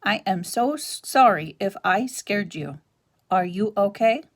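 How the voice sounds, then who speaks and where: A woman reading a children's novel aloud, voicing a calm, gentle female robot mother who speaks politely and precisely. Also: medium pitch. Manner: polite, precise, measured speech.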